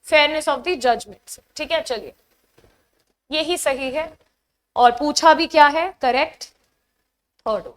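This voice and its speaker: High-voiced Indian woman teaching English. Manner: mixes Hindi and English, reads example sentences slowly. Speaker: English teacher for exam aspirants. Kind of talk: online exam-prep lesson.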